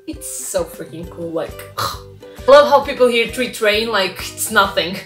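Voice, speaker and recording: A young woman from Portugal chatting excitedly in a casual vlog, full of "like" fillers. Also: mid-range voice, a little slow, echoey room, faint music behind. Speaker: vlogger.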